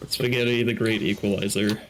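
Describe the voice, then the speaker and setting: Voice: mid-range voice, steady tone, a little fast. Joking, self-mocking speedrunner. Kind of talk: casual chat while playing.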